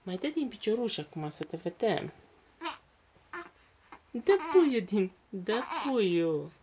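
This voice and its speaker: A man from Romania talking baby talk to his infant in a singsong, coaxing way, with soft sighs. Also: sits high, animated, slight background noise.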